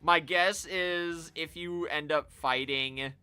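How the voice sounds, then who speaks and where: A man giving live commentary while playing a video game, chatty and self-amused, reacting out loud as he plays. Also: a little high, steady tone, takes it slowly, smooth, soft background music. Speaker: game streamer.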